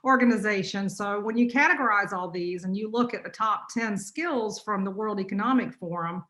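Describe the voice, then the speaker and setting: A middle-aged woman with a North Carolina accent, a college teacher giving an online conference presentation, talking fast and chatty with lots of ums and uhs. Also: mid-range voice, fairly bright tone. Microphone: computer mic on a video call.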